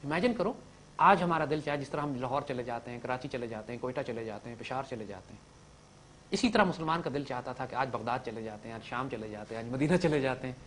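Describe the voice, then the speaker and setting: A man giving an impassioned lecture to young listeners, swinging from loud emphatic peaks to low drops and mixing in English words. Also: quick pace, a little hiss or hum. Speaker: speaker addressing young listeners.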